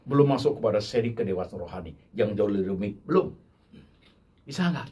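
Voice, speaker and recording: A male pastor preaching a sermon, animated and exhorting, dropping to quiet asides and mixing in English phrases. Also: on the low side, normal speed.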